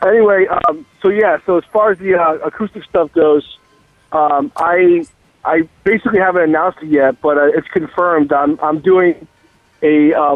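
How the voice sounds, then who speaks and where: The voice is on the high side, a man calling from his car on speakerphone while he drives, with no room sound. He's a musician doing a casual phone interview, talking in a loose, profane, filler-heavy ramble through a tinny, dry line.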